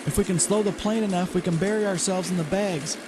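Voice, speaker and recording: A man putting on a high urgent young woman. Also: quick pace, background noise, lightly acted. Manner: yelling over danger.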